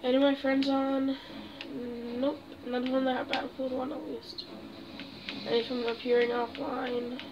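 High-voiced woman chatting over gameplay. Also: monotone, moderate pace, recorded from a distance, highs cut off, noisy background. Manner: chatty, muttering asides to herself. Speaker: gaming channel host. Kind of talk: casual gameplay commentary.

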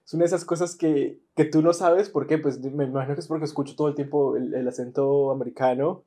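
A man's voice: on the high side, steady tone, quick pace, mellow. A man hosting a casual reaction video, enthusiastic and often repeating words as he searches for them.

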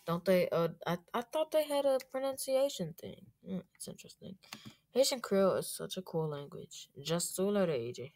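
A woman's voice: medium pitch, sing-song, normal speed, darkish tone. A young woman giving rambling, chatty commentary in a casual vlog, with plenty of fillers. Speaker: YouTuber.

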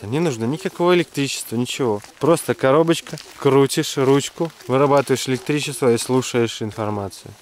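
A man's voice: medium pitch, brisk, few pauses, a little mellow. A man in his thirties making a casual travel vlog, chatting with wry remarks while driving and walking in rainy woods. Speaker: travel vlogger. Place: in a car and outdoors in a rainy forest. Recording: noisy outdoor and car recording.

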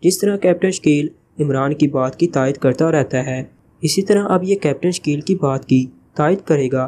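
A man's voice: fairly high pitch, normal speed, dark tone, a little hiss or hum, lightly acted. A man reading the part of a sulky, sarcastic male agent.

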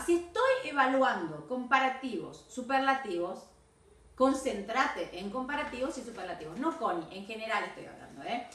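A woman's voice: high voice, sharp tone, reverberant, distant mic, slight background noise. A woman English teacher with an Argentine Spanish accent, giving feedback on students' videos, mixing Spanish and English and correcting pronunciation and grammar.

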